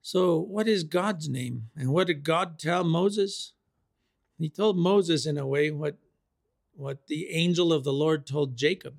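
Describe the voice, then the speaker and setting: A male preacher delivers a sermon at a measured, deliberate pace. His voice sits a little high and carries a gravelly rasp. He stresses key phrases by repeating them.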